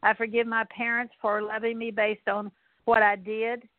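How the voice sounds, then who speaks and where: Her voice is fairly high and level, moving at a moderate pace as she earnestly leads a repentance prayer made of repeated confessions. The recording is dry and tinny, like a phone line, with no room sound.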